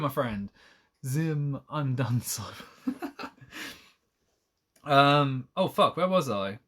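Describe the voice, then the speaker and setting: A man's voice: mid-range voice, fairly bright tone. A man reading a novel aloud on a live stream, breaking off to mock the text with sarcastic asides and frequent laughter.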